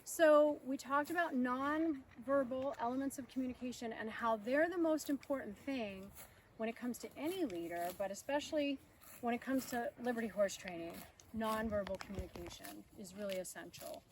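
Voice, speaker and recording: High-pitched lady talking to viewers while training horses outside, mic kinda far off, little bit of background noise. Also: normal speed. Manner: chatty, addresses viewers directly. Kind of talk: outdoor training demonstration. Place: outdoors with horses.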